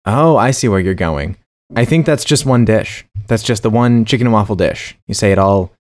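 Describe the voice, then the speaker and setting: A man's voice: fairly low pitch, normal speed, darkish tone. Playful man co-hosting a comedy chat. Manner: playful, mock-serious, stumbles over tongue twisters. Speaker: podcast co-host.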